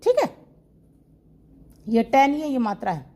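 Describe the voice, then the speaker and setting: A woman's voice: high voice, animated, a little slow, warm tone. A woman teaching Hindi grammar in an online class. She asks her students questions, answers them herself and repeats the key terms.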